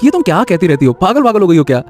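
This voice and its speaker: A man's voice: high voice, big pitch swings, very fast, darkish tone, soft background music. A man voicing Anshul, a playful, kind-hearted young village man who coaxes and teases, in a cartoon story. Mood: coaxing. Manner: teasing, coaxing. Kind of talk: Hindi cartoon voice acting.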